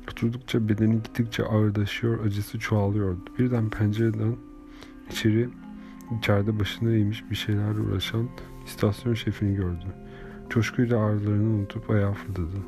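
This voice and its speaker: Low, flat-voiced male audiobook narrator. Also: moderate pace. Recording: reading over clear background music.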